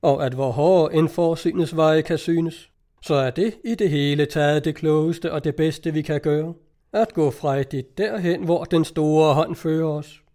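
A man narrates a novel in a measured, even way. His voice sits a little high for a man, yet it has a warm, mellow tone. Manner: measured, even storytelling delivery. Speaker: audiobook reader.

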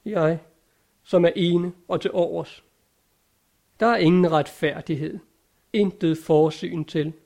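A man's voice: a little high, steady tone, creaky, long pauses. A man voicing a brooding, guilt-ridden man full of despair in a read-aloud story. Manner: dark, despairing.

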